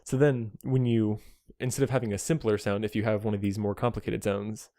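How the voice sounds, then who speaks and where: A man with a fairly low voice speaks fairly quickly in a level tone while casually showing a friend a synthesizer, rambling, eager, and self-deprecating as he apologizes for being an amateur player. Synth tones play behind him, and the mic sometimes overloads.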